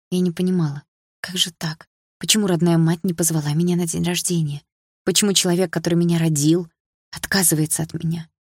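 A woman reads a first-person audiobook in a calm, measured way. Her voice sits low, and the recording is dry and close, with no room sound. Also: slightly rough, no echo. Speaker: audiobook narrator.

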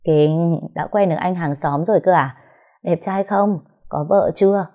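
A woman voicing a young female friend who chats and teases quickly. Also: fairly low pitch, warm tone. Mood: teasing. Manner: quick, teasing.

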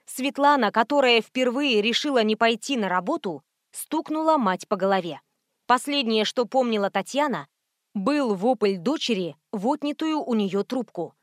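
A woman narrating an audiobook in a steady, even storytelling read. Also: a little high, moderate pace, dry recording, clean studio sound. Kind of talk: scripted narration.

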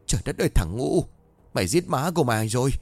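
A man's voice: fairly low pitch, no echo, lightly acted. A man voicing a frightened middle-aged widowed father who pleads in a trembling voice. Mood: furious. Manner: trembling, pleading, quick to anger.

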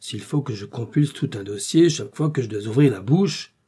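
A man's voice: mid-range voice, moderate pace, husky. A man reading a vain, petulant husband. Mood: vexed. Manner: petulant, then flattering. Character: vain, lazy, easily vexed husband, a deputy.

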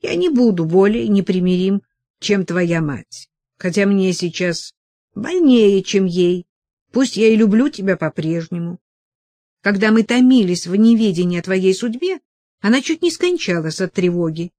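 A woman's voice: lowish voice, lively intonation, a little slow, darkish tone, no room sound. A woman reading the lines of a grave, restrained aging nobleman in an audiobook, speaking earnestly.

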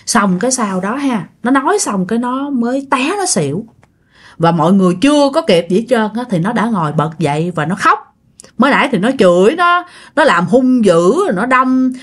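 A woman's voice: mid-range voice, breathy edge. A woman telling a ghost story casually, chatting directly to her listeners.

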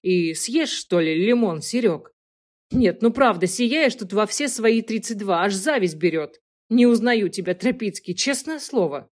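Teasing male buddy, high, loud and animated; woman narrator putting him on. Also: unhurried. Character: teasing, excited male friend.

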